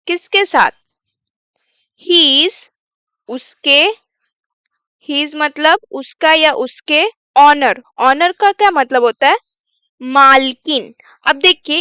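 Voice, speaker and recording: A woman's voice: high voice, bright, forceful tone, no echo, studio quality. A woman teacher, explaining a story word by word, asking questions and answering them herself. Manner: asks questions then answers them, repeats words slowly. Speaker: English teacher. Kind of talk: bilingual English reading lesson.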